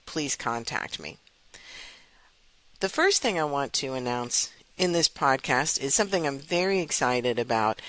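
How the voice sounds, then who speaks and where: A woman hosting her own podcast, talking earnestly and enthusiastically with clear enunciation. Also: very deep voice, fairly bright tone, no room sound, poor audio. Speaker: podcast host. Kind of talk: solo podcast talk.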